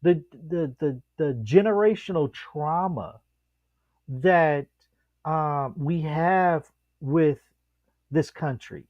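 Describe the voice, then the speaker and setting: Man, lively storyteller, dry close sound, slightly dull lo-fi audio. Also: slow, pauses often, no echo. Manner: animated storyteller, acts out quotes with big pitch jumps. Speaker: podcast co-host. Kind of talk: casual chat.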